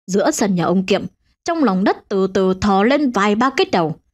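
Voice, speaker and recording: A woman narrating a ghost story for a channel, with expressive storytelling. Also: moderate pace. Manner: expressive, swinging pitch.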